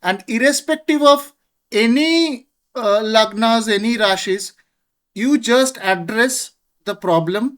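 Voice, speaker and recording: A woman teaching astrology in an explanatory lecture, slow and deliberate, switching between two languages. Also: a little high.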